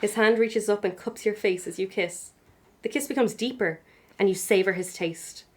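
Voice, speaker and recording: A woman's voice: medium pitch, normal speed. Giggly woman reading her old fanfic. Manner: giggly, self-mocking, laughs often while reading. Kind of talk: casual podcast chat and reading aloud.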